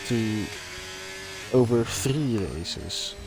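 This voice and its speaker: A man's voice: medium pitch, lively intonation, very slow, music in the background. A man casually commentating a live sim racing stream and chatting with viewers. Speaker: race commentator.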